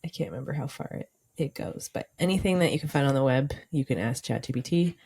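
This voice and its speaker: Low, mellow-voiced young woman. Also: expressive, quick pace, breathy edge. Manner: chatty storyteller, many "like" fillers. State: sick, coughing. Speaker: podcast co-host. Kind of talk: casual chat.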